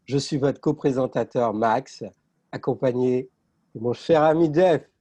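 A man's voice: mid-range voice, unhurried, dark tone. A man co-hosting a podcast, welcoming listeners and introducing his guest in an upbeat way. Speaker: podcast co-host.

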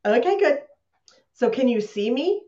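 A woman's voice: high-pitched, big pitch swings, unhurried, mellow. A woman hosting a live online session, talking casually, laughing often and restarting sentences. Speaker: host. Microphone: computer mic on a video call. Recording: roomy, dull video-call audio.

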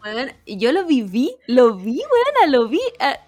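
A young woman with a Chilean accent, chatting casually as a podcast co-host, full of swearing and animated storytelling. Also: fairly high pitch, slow pace, no room sound. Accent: Chilean Spanish. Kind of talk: casual chat.

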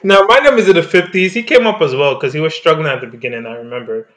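Higher-voiced man hosting casual banter. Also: quick pace, fairly bright tone. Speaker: podcast host. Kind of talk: casual football fantasy league chat.

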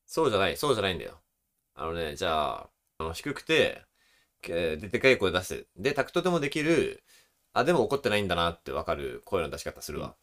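A young man in his twenties co-hosting a relaxed podcast chat, chuckling often. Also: low voice, fast talker. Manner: relaxed, chuckling, demonstrates voices. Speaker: podcast co-host. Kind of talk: casual chat.

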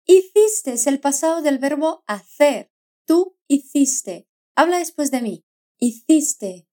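A woman teaching a language lesson, modelling words slowly and clearly with encouraging prompts to repeat. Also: high voice, lively intonation, a little mellow. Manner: slow, carefully modelled repetitions with encouraging prompts. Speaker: Spanish pronunciation teacher. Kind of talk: scripted language lesson narration.

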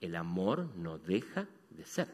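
Rioplatense male pastor, lively preaching, reverberant church hall. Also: low voice, slow. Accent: Rioplatense Spanish. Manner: animated preaching, swings between loud and hushed. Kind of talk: sermon.

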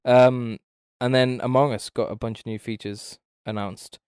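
A man's voice: medium pitch, fairly even intonation, normal speed, darkish tone, clear, resonant tone, no echo, clean studio sound. A man co-hosting a casual gaming chat, swearing often and giving blunt opinions. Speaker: podcast co-host.

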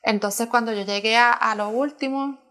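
A woman's voice: a little high, fairly even intonation, normal speed, fairly bright tone. A woman sharing a personal testimony as a church planter in conversation, earnest and emotional, often restarting her sentences.

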